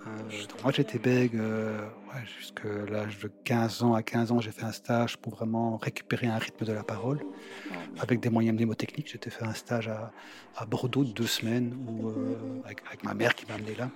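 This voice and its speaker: A man giving a personal account in an interview, speaking in a measured, slightly halting way. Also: on the low side, little pitch movement.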